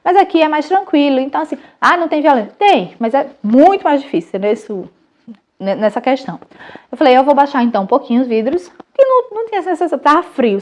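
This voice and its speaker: Give me a chatty Brazilian mother in her thirties with a brightish voice, sharing a family story. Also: high voice. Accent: Brazilian Portuguese. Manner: animated and chatty, with many restarts. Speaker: mother and channel host. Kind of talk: casual storytelling.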